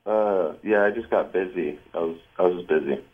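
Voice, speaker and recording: Man, caller, phone line, low voice, hesitant, stammering, sheepish. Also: normal speed. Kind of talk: phone call on a radio show.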